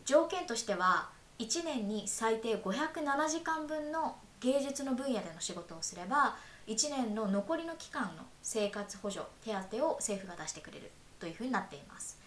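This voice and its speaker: A woman's voice: on the high side, very animated, moderate pace, hardly any pauses, fairly bright tone. A woman hosting an interview podcast, politely asking questions and explaining a topic in an aside. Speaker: podcast host. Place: room in Paris. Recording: echoey room, faint hiss.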